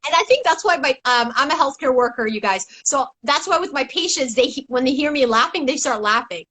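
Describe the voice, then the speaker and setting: A woman's voice: high-pitched, expressive, fairly quick, sharp tone. A middle-aged woman chatting as a guest, telling stories animatedly, laughing often and acting out quotes. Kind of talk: casual conversation.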